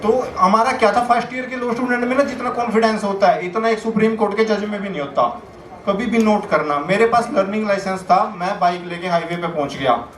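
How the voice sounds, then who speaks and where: A young man on a comedy stage tells stories in a bright, high register. His delivery is chatty and anecdotal, building steadily to each punchline. The sound carries the echo of the room, and he sits at some distance from the mic over a faint background hiss. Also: brisk. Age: young adult. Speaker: stand-up comedian. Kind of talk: stand-up comedy storytelling. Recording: echoey room, voice picked up from a distance.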